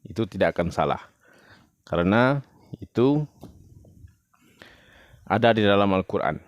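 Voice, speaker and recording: A man's voice: fairly low pitch, lively intonation, measured pace, lo-fi sound. A man from West Sumatra giving an informal religious talk to camera. He explains plainly and unhurriedly, sometimes searching for words. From West Sumatra, Indonesia. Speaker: religious video teacher.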